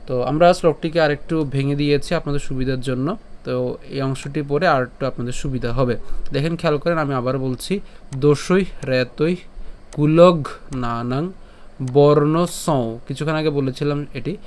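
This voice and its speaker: Clear-voiced Bengali man teaching verse recitation. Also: mid-range voice, steady tone, darkish tone. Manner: slow, syllable-by-syllable chanting of verses between explanations; asks and answers his own questions. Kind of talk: step-by-step pronunciation lesson.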